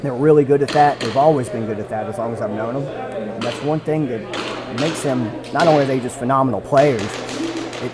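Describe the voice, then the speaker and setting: With a crowd audible in the background, this fairly quick, medium-pitched man calls an airsoft match casually and live. Phrases get restarted and repeated as he talks. He's using a shared desk mic in a small side room close to the field.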